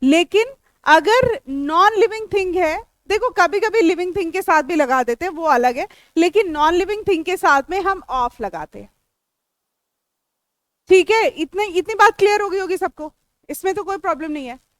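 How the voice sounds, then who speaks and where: Teaching English grammar to a classroom, an Indian-accented woman explains things step by step, quizzes students, and keeps things chatty and joking. Her very high-pitched, expressive voice moves at normal speed, with no echo in the recording.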